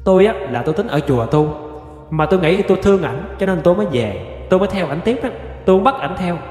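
A man voicing the stubborn, lovesick ghost of a pregnant woman in a spoken ghost story, talking slowly and pleadingly. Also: high-pitched, expressive, darkish tone, roomy sound, in a large hall, faint music behind.

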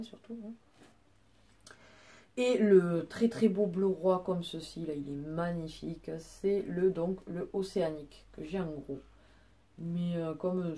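Chatty woman with a mellow, low voice. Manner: chatty, many fillers and restarts, apologizes for her English. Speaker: beauty vlogger. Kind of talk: casual product show-and-tell.

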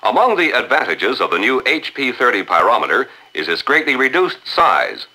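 A man hosting an old 1950s newsreel in a crisp, upbeat announcer manner. His voice is bright and moves in a lively way. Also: medium pitch, moderate pace, low-quality recording. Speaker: newsreel host.

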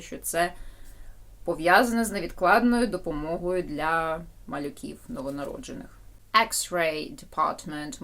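A woman teaching English to medical students, explaining each term and where its stress falls. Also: on the low side. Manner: lively, sing-song intonation on the English terms. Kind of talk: recorded lecture.

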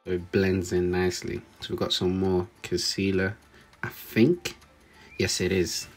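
A man's voice: low-pitched, level tone, measured pace. A young man giving a casual, joking voice-over, narrating step by step.

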